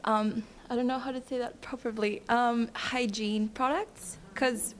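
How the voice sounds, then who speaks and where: A young woman from Greece speaks up from the audience, eager and thinking aloud. Her voice sits slightly high. Faint noise is heard behind her. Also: fairly even intonation, measured pace. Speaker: audience member. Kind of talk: question from the floor.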